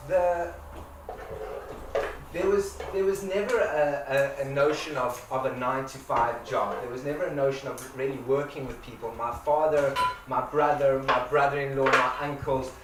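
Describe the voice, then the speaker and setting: A South African man with a medium-pitched voice, a community owner, gives a personal, informal talk to a live audience in an event space, often repeating and restarting his words. The recording is roomy and echoey, with a distant mic and background noise.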